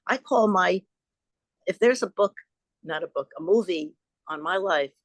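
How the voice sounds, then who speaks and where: A woman's voice: fairly low pitch, lively intonation, unhurried, dry recording. An older woman from Long Island, a guest and author recounting personal experiences in an earnest, rambling way over a video call. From Long Island, New York. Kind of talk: storytelling in an interview.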